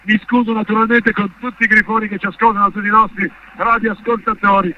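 A man's voice: high voice, level tone, quick pace, muffled recording. A man giving live, partisan play-by-play football commentary on the radio from a stadium. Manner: partisan, speaks as one of the fans. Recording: band-limited radio broadcast with background noise.

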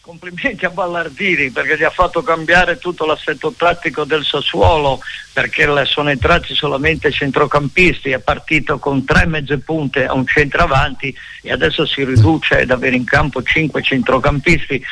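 A man with an Italian accent giving unscripted tactical football analysis as a pundit, halting and repeating himself for emphasis. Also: fairly high pitch, fairly even intonation, creaky, pushed and bright, low-quality recording.

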